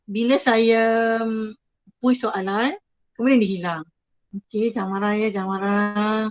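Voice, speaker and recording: A woman's voice: medium pitch, fairly even intonation, measured pace, dry recording, rough recording. A woman teacher with a Malaysian Malay accent, running an online class, chatty and apologetic, praising her students one by one.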